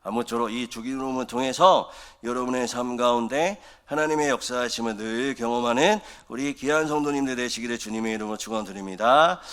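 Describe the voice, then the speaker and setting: A man preaching a sermon as a church pastor, in earnest, moving between quiet explanation and loud, pleading prayer. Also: mid-range voice, a little fast, few pauses, clean tone. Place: church sanctuary.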